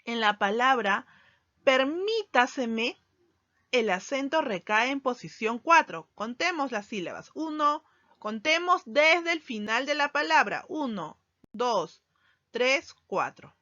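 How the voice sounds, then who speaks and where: Slow, bright-voiced woman teacher. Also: fairly high pitch, animated, dry recording. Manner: slow, deliberate, stresses key words. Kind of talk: recorded grammar lesson. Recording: dull lo-fi sound, dry.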